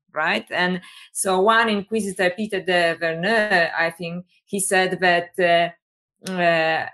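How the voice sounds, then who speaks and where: Woman, panel guest, lowish voice, thinks aloud with fillers and restarts. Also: a bit bright. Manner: halting, many fillers and restarts. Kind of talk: panel discussion.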